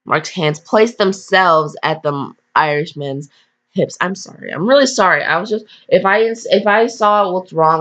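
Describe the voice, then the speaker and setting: On a muffled, lo-fi recording, a woman casually reads fan fiction and comments bluntly, drifting off topic with slang and mock reprimands. Her voice is low-pitched with a fairly bright tone.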